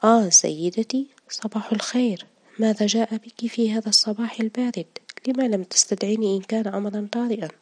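A woman voicing an anguished young man who speaks in a breathy, strained way. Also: a little high, fairly even intonation, fast, a little mellow, pitched above the performer's own voice, lightly acted. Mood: polite.

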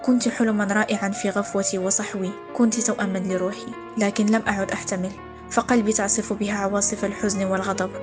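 A man's voice: sits high, little pitch movement, fast, over music, close to an everyday voice. A woman voicing a bitter, heartbroken young man in a read-aloud story, speaking in an impassioned poetic lament. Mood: bitter, grieving.

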